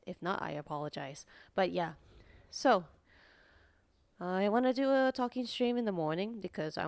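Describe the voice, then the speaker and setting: Sleepy woman with a deep morning voice. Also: no room sound. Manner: rambling, many fillers. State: sleepy, just woke up. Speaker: streamer. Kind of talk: casual chat stream.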